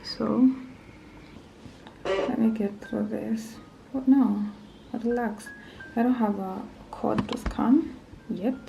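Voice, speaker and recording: Slow, gravelly-voiced woman vlogger. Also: on the high side, steady tone, mellow, slight background noise, rough recording. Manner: nervous, thinking aloud, drops to whispers. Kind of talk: casual vlog narration.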